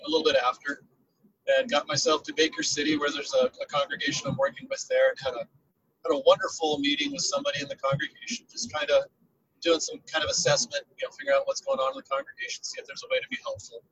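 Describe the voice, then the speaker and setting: A man's voice: very high-pitched, huge pitch swings, fast talker, gravelly, a bit bright. A man in his sixties co-hosting a podcast from inside a car, his voice tinny and boxed-in as if in a tin can, talking in a rambling, hesitant way. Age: 60s. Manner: rambling, hesitant, trailing off mid-thought. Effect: tinny, boxed-in sound as if inside a tin can. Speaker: podcast co-host. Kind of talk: casual chat. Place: inside a rental car on the road. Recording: dull lo-fi remote line from a car.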